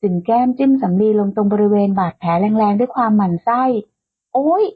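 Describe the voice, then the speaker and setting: A woman hosting and narrating a romance audio novel in a smooth, steady storytelling manner, with a tinny phone-like sound. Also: mid-range voice, fast talker. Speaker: audiobook narrator and channel host.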